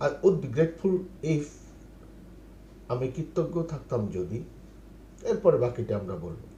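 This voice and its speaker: A middle-aged Bangladeshi-accented man leads a numbered English lesson, reading each phrase very slowly before translating it. His fairly high voice swings widely in pitch and has a mellow, dark tone. The recording sounds echoey, with faint noise underneath. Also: lo-fi sound. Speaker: English teacher.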